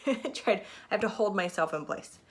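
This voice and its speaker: In a whisper, a woman with a medium-pitched, animated voice talks at normal speed. She's in her thirties, hosting a relaxed knitting podcast from a spinning chair at home in front of a camera, whose mic captures her. Congested from a cold, she meanders and says um often.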